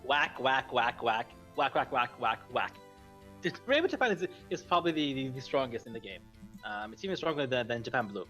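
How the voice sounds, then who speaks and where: A man co-hosting a casual gaming podcast, talking hesitantly with lots of pauses and restarts. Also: mid-range voice, very animated, pushed and bright. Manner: hesitant, many fillers and restarts, laughs easily. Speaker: podcast co-host. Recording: faint music bed behind.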